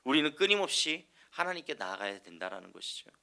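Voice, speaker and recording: A man's voice: mid-range voice, very animated, fast, gravelly, bright, forceful tone. A male evangelist preaching an earnest sermon, posing rhetorical questions to the congregation and answering them himself.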